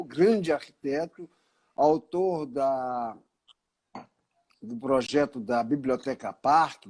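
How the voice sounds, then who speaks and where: An older art critic from Paraíba, Brazil, interviews an artist in a conversational style, explaining expansively and correcting himself along the way. His voice is mid-range and a little mellow, and the recording quality is low.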